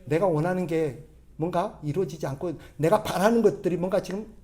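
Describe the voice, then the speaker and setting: A male pastor preaching a sermon, talking with the congregation and asking them questions, and acting out quoted voices in a gruff tone. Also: high-pitched, fairly quick, a little mellow. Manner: conversational, asks the congregation questions.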